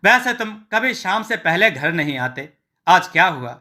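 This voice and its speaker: A man voicing a sharp-tongued village wife who scolds her husband in an exasperated, shrill way. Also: sing-song, a little slow, heavily acted. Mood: scolding.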